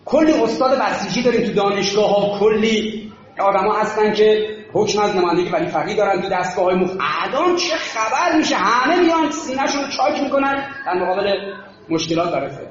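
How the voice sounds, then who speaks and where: A man giving an impassioned sermon that mixes stories with shouted refrains and drops to low, quiet asides. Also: animated. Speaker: religious political speaker. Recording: very echoey, muffled hall recording.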